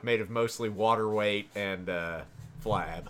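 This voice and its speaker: A man with a Boston accent doing excitable, profane commentary as a podcast co-host watching wrestling, laughing often. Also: on the low side, unhurried, slight background noise.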